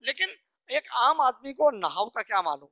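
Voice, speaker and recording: A religious teacher giving a scripture lesson, slowly reciting each phrase and then explaining it piece by piece, often asking and answering their own questions. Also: medium pitch, sing-song, sharp tone, no echo. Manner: earnest, instructive, asks and answers own questions.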